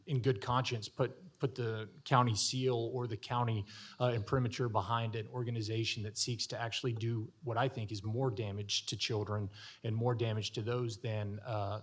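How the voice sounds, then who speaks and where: A male county commissioner giving unscripted remarks at a public meeting, halting and repeating words as he searches for phrasing. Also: lowish voice.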